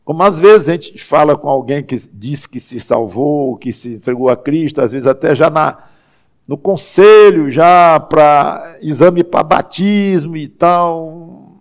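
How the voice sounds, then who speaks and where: A pastor delivers a conversational sermon, often halting and restarting and slowing down to emphasize points. His voice is a little high.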